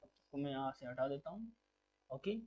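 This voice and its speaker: A man's voice: medium pitch, expressive, normal speed. A man teaching a phonetics lesson for exam preparation, explaining patiently and repeating key terms as questions to drill them. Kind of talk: exam-prep lecture. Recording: dull lo-fi recording.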